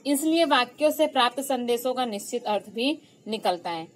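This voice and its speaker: A woman teacher with a slightly high voice gives an online class lecture. She explains patiently and repeats key terms. She stresses example phrases loudly. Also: animated, normal speed, a little hiss or hum, rough recording.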